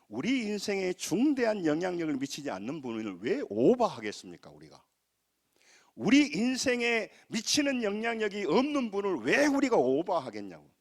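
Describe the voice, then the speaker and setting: A man with a Jeolla accent preaches in a high, bright-pitched voice that swoops up and down with a lot of life. He talks in a folksy, emphatic way and has the congregation say lines back to him. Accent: Jeolla Korean. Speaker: pastor. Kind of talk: sermon.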